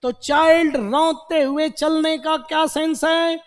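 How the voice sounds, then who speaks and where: A man's voice: very high-pitched, steady tone, a little slow. A man teaching vocabulary to a class, repeating words and quizzing students with questions. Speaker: English teacher. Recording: long hall reverb.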